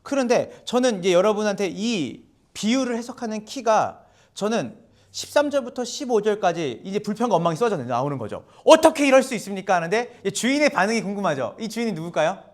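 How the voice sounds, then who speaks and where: A man's voice: high-pitched, big pitch swings, a little fast. A male pastor giving a sermon in a church, chatty and conversational, often putting questions to the congregation. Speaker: guest pastor. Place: church sanctuary.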